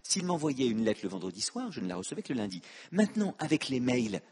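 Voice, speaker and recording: A man's voice: medium pitch, big pitch swings, quick pace, darkish tone, breathy edge. An older man giving a public lecture, with witty, self-mocking asides to the audience. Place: conference hall. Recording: long hall reverb.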